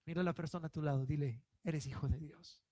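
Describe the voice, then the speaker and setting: A man preaching a sermon as pastor to his congregation, emphatic and swelling to loud stressed lines. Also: a little high, fairly even intonation, fast talker, no echo.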